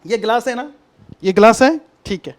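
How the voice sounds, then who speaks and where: A man's voice: very high-pitched, lively intonation, moderate pace. A man preaching a sermon over a video call, talking conversationally, coaxing his listeners and repeating his instructions. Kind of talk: online sermon with a hands-on demonstration.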